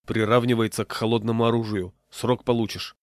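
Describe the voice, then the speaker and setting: A man voicing a burly, gruff street patrolman with a hoarse voice and a stern, mocking manner. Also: medium pitch, level tone, fairly quick, no room sound, studio quality, natural voice.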